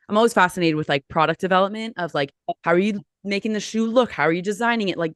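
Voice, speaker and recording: A woman's voice: lowish voice, clean tone, dry recording, studio quality. A woman hosting a casual podcast interview, asking long rambling questions full of fillers. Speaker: podcast host.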